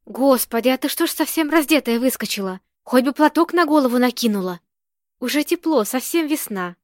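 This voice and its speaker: A woman's voice: high voice, lively intonation, a little fast, dry recording. A woman reading the lines of a fussy, talkative old landlady who chatters and frets, in a dry, close-sounding recording. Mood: fretful. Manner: chattering, fretful.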